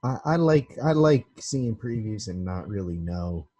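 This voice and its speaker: A man's voice: fairly low pitch, expressive, measured pace, dark tone, husky, dry recording. A man hosting a casual podcast chat about movie trailers, laid-back and full of fillers. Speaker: podcast host.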